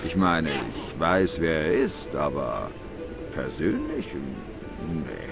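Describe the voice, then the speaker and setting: In dubbed adventure game dialogue, an actor voices a simple, gullible, talkative village man, chatty and baffled, with naive, colloquial speech and exaggerated swings of emphasis. His exaggerated voice is extremely low and creaky, slow, with huge pitch swings, set against game music.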